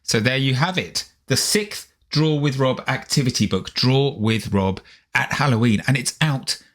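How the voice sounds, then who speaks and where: A man's voice: mid-range voice, unhurried, a bit bright. A middle-aged man from the UK giving a friendly, chatty drawing lesson to children, encouraging them and calling them guys. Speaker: children's drawing tutor and author.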